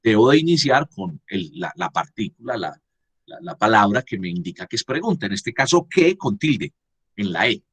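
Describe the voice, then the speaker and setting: A man's voice: lowish voice, big pitch swings, moderate pace, a bit bright, breathy edge. A man teaching a class over a video call, explaining grammar step by step and often checking "¿sí?" with his students. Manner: repeats and asks "¿sí?" to check understanding.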